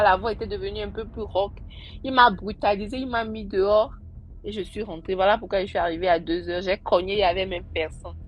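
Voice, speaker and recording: A woman recounts a personal story in a casual, animated way, acting out quoted lines. Her voice sits at a middle pitch. Faint tense music plays underneath. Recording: music bed behind the voice. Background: faint tense background music.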